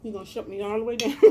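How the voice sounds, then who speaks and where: A middle-aged American woman chatting casually to viewers as a cooking vlogger, with a folksy, expressive, emphatic manner. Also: fairly high pitch, highs cut off.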